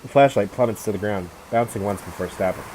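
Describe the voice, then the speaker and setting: A man's voice: on the low side, quick pace, a little mellow, slight background noise, poor audio. A man hosting a let's play of a visual novel, reading the story aloud dramatically and adding joking asides. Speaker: gaming channel host.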